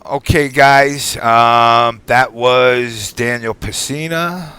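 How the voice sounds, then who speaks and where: A male show host speaks in a clean, resonant voice of medium pitch. His delivery is informal and rambling, like casual live online talk. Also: extremely slow, sharp tone, clear, resonant tone, no echo.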